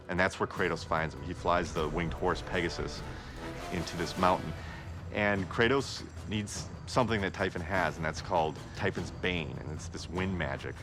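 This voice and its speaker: Deep-voiced man in casual interview. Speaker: game developer interviewee. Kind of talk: informal documentary interview. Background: music.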